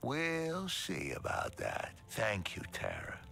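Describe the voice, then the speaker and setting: An actor voicing a gentle, wistful old bearded man in a video game, speaking in a soft, hushed, gravelly voice. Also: on the low side, huge pitch swings, takes it slowly, exaggerated voice. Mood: gently confiding. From Hungary.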